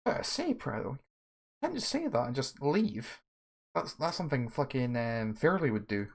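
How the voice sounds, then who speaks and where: Man, average pitch, informal gamer chat, blunt and sweary, occasional pilot radio calls. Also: big pitch swings, moderate pace, vocal fry. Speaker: gamer flying in an online flight simulator. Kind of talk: casual gaming chat mixed with radio calls.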